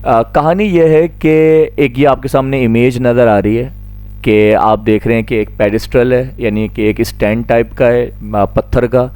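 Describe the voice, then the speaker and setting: A man's voice: mid-range voice, fairly even intonation, a little slow, darkish tone, clean tone. A man giving a classroom lecture that explains a poem. He is patient, repeats his points, and asks questions that he then answers himself. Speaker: teacher.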